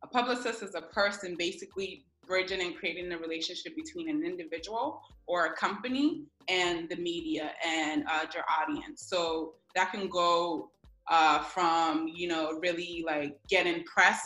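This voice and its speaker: A woman's voice: lowish voice, normal speed. A young woman from Ghana, a music publicist, chatting casually in an interview with lots of fillers. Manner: relaxed, many fillers. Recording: echoey room with faint music.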